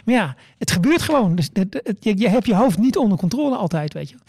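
A man's voice: sits high, sing-song, fast talker, darkish tone, breathy edge, dry recording, studio quality. A middle-aged man, a stand-up comedian, telling stories in casual chat, stammering and restarting and acting out what he said. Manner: stammering restarts, repeats words; acts out his own quoted words.

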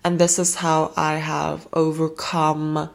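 At home in Germany, a woman hosts a self-help podcast while fighting a cold. Her deep voice is flat and slow with vocal fry, and she rambles casually, gently and affectionately, using lots of fillers.

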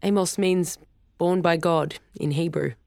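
A gentle young merman, as a narrator plays him, soft-spoken and calm. Read plainly for an audiobook, close to the mic with no room sound. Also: medium pitch, unhurried, gravelly, no echo.

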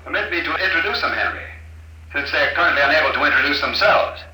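An actor playing a calm, polite, mocking male conspirator over an intercom in a 1950s radio drama on an old broadcast disc. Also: on the high side, quick pace, roomy sound, noisy background. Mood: smug, formal. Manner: formal, coolly mocking.

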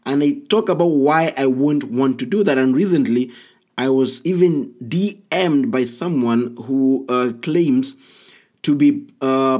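A man's voice: medium pitch, darkish tone. A man hosting a solo podcast, talking casually and bluntly with frequent ums and uhs. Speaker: podcast host.

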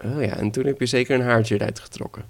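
A man voicing a sleepy, suspicious devil who yelps when woken and grumbles in a gravelly voice. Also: medium pitch, fairly even intonation, fast talker, close to an everyday voice. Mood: grumpy. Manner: yelping, indignant outbursts.

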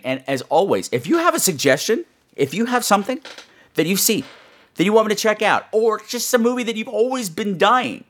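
A podcast host with a somewhat high, slightly bright voice chats with listeners on his horror podcast. He's campy and playful, poking fun at himself and speaking emphatically.

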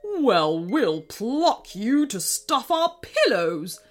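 A woman's voice: high voice, wildly swooping pitch, slow, a bit bright, faint music behind, voice pushed up, full character voice. A woman voicing a hot-tempered male bread king who bellows and spits insults. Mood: enraged.

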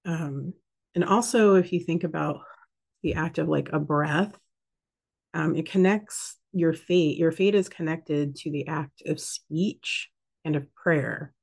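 Hosting a casual spiritual talk, a woman from the United States rambles along, full of fillers and restarts. Her voice is deep and a little mellow, with some vocal fry.

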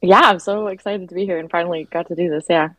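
A young woman chats casually as a podcast guest. Her voice is slightly low for a woman and recorded dry and close. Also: steady tone, quick pace, no echo. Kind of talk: casual chat.

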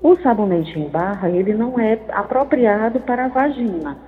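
A woman's voice: medium pitch, animated, normal speed, faint music behind. A woman gynecologist giving medical advice over the phone on a call-in radio show, explaining things step by step. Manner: explanatory, frequent tag questions. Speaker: gynecologist guest. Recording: tinny phone line with reverb.

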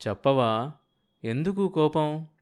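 A man voicing a doting young husband who gently coaxes and soothes. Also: fairly high pitch, animated, moderate pace, natural voice. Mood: soothing. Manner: gentle, coaxing.

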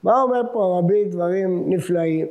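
A man's voice: sits high, darkish tone, lo-fi sound. A man gives a rabbinic talk. He explains old texts and quotes verses, and his emphasis rises as he reads them. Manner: expounding texts, quoting verses with rising emphasis. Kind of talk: Torah lecture before Selichot.

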